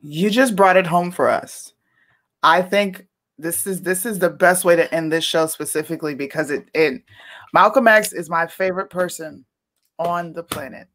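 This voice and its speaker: This woman co-hosts a casual political chat on a podcast, talking emphatically and conversationally and leaning on words like "listen" and "okay." Her voice sits lowish and fairly bright, at a normal pace.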